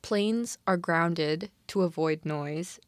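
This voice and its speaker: On a recording with no echo, a young woman speaks slowly in a fairly low voice with a Canadian accent. She's co-hosting a relaxed podcast chat about a TV drama, talking informally with slang and emphasis.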